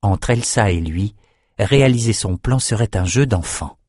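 Male narrator, low voice, measured fantasy reading, dry close sound. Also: no room sound. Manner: steady, measured storytelling. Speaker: audiobook narrator.

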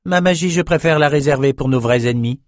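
A man's voice: fairly high pitch, fast talker, no room sound, pitched above the performer's own voice, lightly acted. A man putting on a sardonic sorceress. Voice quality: raised, dry and sarcastic. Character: sardonic sorceress woman, seasoned dragon fighter. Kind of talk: audiobook character voice.

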